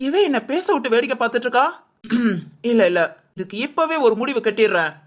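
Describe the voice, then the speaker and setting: Woman voicing a bossy middle-aged village mom-in-law, high-pitched, always scolding the kids. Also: lively intonation, fairly quick, lightly acted. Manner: scolding, threatening, exasperated. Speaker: aunt and mother-in-law. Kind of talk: cartoon voice acting.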